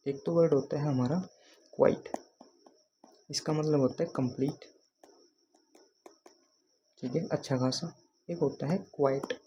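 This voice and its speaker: Guy from haryana doing exam prep lessons, warm low-key voice, keeps asking then answering himself. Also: fairly even intonation, normal speed, pauses often, dull audio, a little hiss or hum. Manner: patient, repeats questions to students. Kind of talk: explaining lesson.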